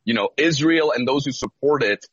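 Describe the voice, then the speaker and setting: Man, 30s, earnest measured answers, slightly husky, dull lo-fi audio. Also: medium pitch, a bit bright, no echo. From United States, born in Syria. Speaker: lawyer and guest. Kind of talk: interview answers.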